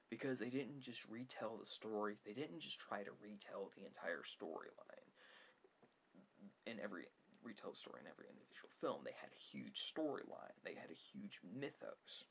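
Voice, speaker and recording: An ASMR video creator delivers a rambling opinion talk in a husky, gravelly voice, speaking haltingly and emphatically while often repeating and rephrasing himself. His pitch is fairly low and his tone fairly bright.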